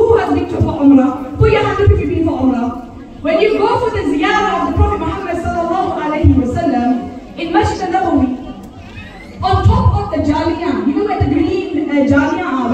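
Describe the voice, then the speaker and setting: A woman's voice: very high-pitched, fairly quick, a little mellow, far from the mic, a faint crowd, a little hiss or hum. A woman from Bradford, an Islamic teacher giving an earnest religious talk to a gathering and keeping the audience engaged with questions. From Bradford, England. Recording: echoey hall, voice from afar.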